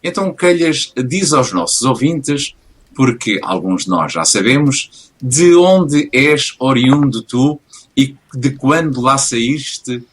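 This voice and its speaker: A man's voice: mid-range voice, lively intonation, takes it slowly, slight background noise. A man hosting a casual radio interview, talking hesitantly with frequent fillers and restarts. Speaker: radio host.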